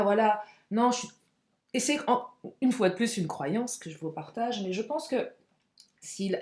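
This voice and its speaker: A woman giving a casual, chatty tarot card reading to her viewers, expressive and frank, with frequent exclamations. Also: lowish voice, echoey room. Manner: frank and outspoken. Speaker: tarot and oracle card reader.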